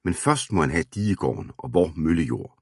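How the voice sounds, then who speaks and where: Storybook young peasant man, urgent and pleading, read by a man, husky, dry sound. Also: very deep voice, big pitch swings, no echo, heavily acted. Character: young male peasant farmer, eager and hot-headed.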